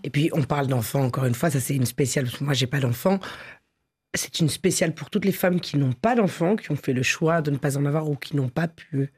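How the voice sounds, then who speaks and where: A woman's voice: low voice, fairly quick, darkish tone, husky. A woman co-hosting a casual chat podcast, speaking in a firm, outspoken way. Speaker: podcast co-host.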